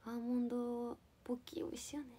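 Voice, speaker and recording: A woman's voice: a little high, completely flat delivery, quick pace, warm tone, slight background noise. A young woman from Japan casually chatting with viewers on a livestream, playful and giggly as she answers comments. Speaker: live streamer.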